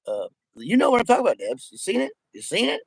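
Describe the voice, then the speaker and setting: A man's voice: high-pitched, huge pitch swings, fast, husky, dry recording. A man with missing front teeth in a casual, profanity-laden rant, talking in a rambling, emphatic, repetitive way. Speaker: vlogger addressing viewers.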